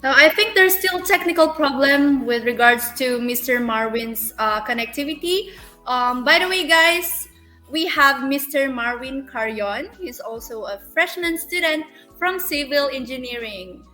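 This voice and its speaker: A woman's voice: high voice, lively intonation, a little slow, pushed and bright, faint music behind. A woman hosting an online event, presenting speakers in roomy, echoey audio. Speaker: host.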